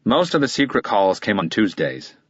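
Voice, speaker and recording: A man's voice: on the low side, very animated, moderate pace, slightly rough, dry recording, dull audio, voice pushed up. A man voicing a guarded middle-aged male lawyer who answers in a clipped, impatient way. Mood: defensive.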